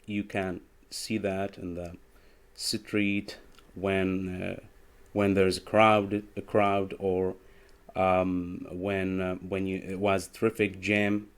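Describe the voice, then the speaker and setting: A man talks slowly and haltingly, stopping often on fillers as he tells a story in a group video call. His voice sits fairly low. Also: little pitch movement. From Iraq. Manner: hesitant, halting English full of fillers. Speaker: student in an online discussion. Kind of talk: casual storytelling in a group discussion.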